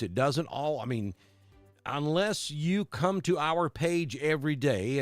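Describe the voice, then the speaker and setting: Chatty weatherman, lively pitch. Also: no room sound. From Alabama. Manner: chatty, greets viewers by name. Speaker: weather broadcaster. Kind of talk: casual live-stream weather talk.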